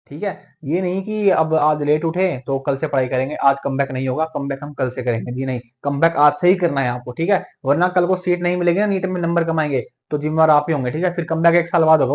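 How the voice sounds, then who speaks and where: A young man giving a motivational talk to exam students, tagging nearly every point with a quick "theek hai". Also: a little high. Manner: fast, repeats "theek hai" as a tag. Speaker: medical entrance exam mentor.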